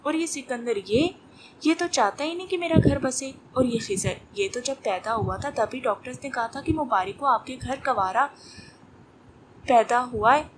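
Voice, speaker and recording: A woman's voice: sits high, normal speed, natural voice. A woman narrator voicing a joking, lovesick young man, speaking in a playful complaining way. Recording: noisy recording with clicks.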